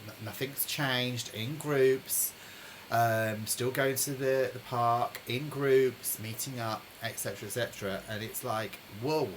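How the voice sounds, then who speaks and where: A man hosting a live-streamed pub quiz from home, chatting with viewers and reading each question slowly, then repeating it. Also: mid-range voice, a bit bright, slight background noise, poor audio. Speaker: quiz host. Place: home during lockdown.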